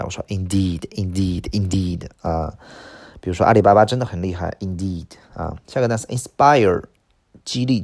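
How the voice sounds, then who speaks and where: Low gravelly male English teacher. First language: Mandarin Chinese. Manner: lively, repeats words, chatty asides. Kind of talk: vocabulary lesson.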